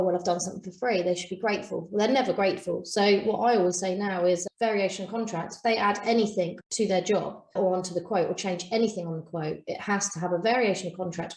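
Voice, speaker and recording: A woman's voice: medium pitch, darkish tone. A woman co-hosting a business podcast, giving firm, practical advice. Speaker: podcast co-host. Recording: echoey room.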